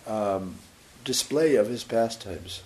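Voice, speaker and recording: A man giving a scripture lecture as a religious teacher, short of breath, halting and pausing mid-sentence. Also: lowish voice, expressive, darkish tone, poor audio. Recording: faint background hiss.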